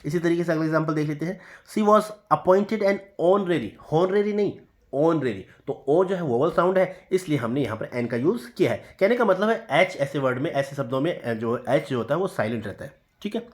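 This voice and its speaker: Man teaching grammar, slow and repetitive. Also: a little high, animated. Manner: slow deliberate reading of example sentences, repeating key points. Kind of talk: explanatory classroom lesson.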